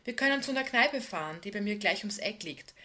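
A woman voicing an exuberant, flirtatious woman in her thirties who talks loudly and eagerly. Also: medium pitch, sing-song, normal speed. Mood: coaxing. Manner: loud, bubbly, pushy.

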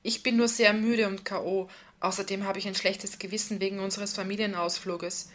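A woman's voice: mid-range voice, flat delivery, a little fast, close to an everyday voice. Nervous woman, hesitant and flustered, read by a woman narrator in an audiobook. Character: anxious, flustered adult woman hiding her feelings.

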